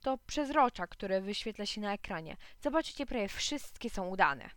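A proud, chatty accountant from a storybook, voiced by a woman reader. He sounds eager and boastful. The voice is smooth and clear, close and dry. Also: medium pitch, animated, moderate pace, no echo, close to an everyday voice. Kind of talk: audiobook reading.

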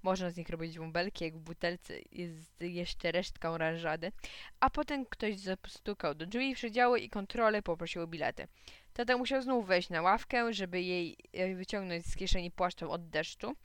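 A woman narrating a children's story in a lively, playful way. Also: fairly low pitch, moderate pace, clear, resonant tone, no echo. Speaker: audiobook narrator.

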